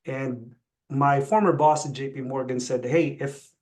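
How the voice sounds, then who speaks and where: In a slightly mellow, mid-range voice with fairly even intonation and moderate pace, a middle-aged Filipino chief executive speaks. A Tagalog speaker and interview guest, he gives a conversational account of his life.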